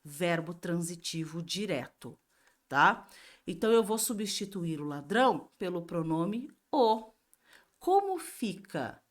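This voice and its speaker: A woman teacher with a Brazilian Portuguese accent gives a grammar review lesson in a lowish, very animated voice. She explains slowly, step by step, posing questions to herself and then answering them.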